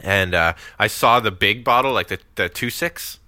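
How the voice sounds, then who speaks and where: Podcast dude with a bright edgy voice, kinda low, telling stories all worked up. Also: male voice, normal speed, dry recording. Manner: excitable, swearing, storytelling. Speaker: podcast co-host. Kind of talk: casual chat. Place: Canada.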